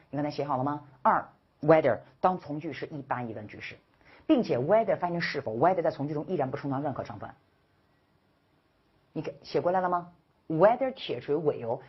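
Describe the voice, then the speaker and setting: Husky low-voiced woman teaching grammar. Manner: emphatic, drills students with rhetorical questions; slangy and chummy with viewers. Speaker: English teacher. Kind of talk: online grammar lecture. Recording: dull lo-fi recording.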